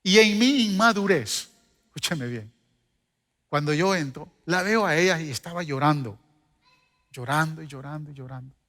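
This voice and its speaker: A man's voice: fairly high pitch, expressive, normal speed, long pauses, bright, forceful tone. A middle-aged man preaching a sermon as pastor, telling stories and joking with his congregation. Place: church hall. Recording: long hall reverb.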